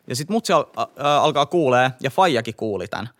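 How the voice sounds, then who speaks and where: Nuori mies kertoo podcastissa rennosti tarinaa. Hänen äänensä on keskikorkea, ja sävelkorkeus hyppii eläväisesti ylös ja alas kerronnan mukana. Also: male voice. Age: young adult. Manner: animated, jumps up and down in pitch while telling a story. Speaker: podcast co-host. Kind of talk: casual storytelling chat.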